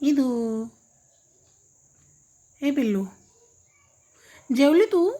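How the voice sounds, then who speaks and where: Woman at home doing baby talk with a toddler, high voice, slow, keeps repeating stuff. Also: lively intonation, mellow. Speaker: family member coaxing a toddler to talk. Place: indoors at home.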